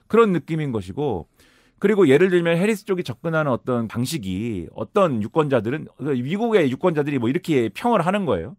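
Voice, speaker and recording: A man's voice: on the high side, no echo. A man talking through politics as a commentator guest, explaining points step by step in a studio discussion. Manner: explanatory, lively with sudden rises and drops. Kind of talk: analytical discussion.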